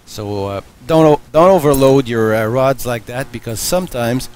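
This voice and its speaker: A man's voice: mid-range voice, moderate pace, darkish tone. A man hosting a welding channel, casually demonstrating and explaining in his home garage workshop, thinking aloud with many fillers and restarts. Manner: matter-of-fact, thinking aloud.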